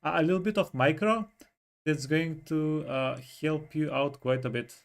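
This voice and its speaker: A man explaining game tactics in a casual, step-by-step way, with frequent pauses to think. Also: fairly high pitch. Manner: explanatory, hesitant fillers, walks through tactics step by step. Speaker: co-host giving gameplay tips. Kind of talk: casual gameplay coaching.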